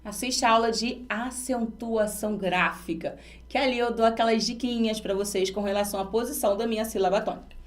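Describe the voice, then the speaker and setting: A woman's voice: fairly high pitch, fairly even intonation, brisk. A woman from Brazil teaching an exam-prep grammar lesson, explaining step by step and asking her students rhetorical questions.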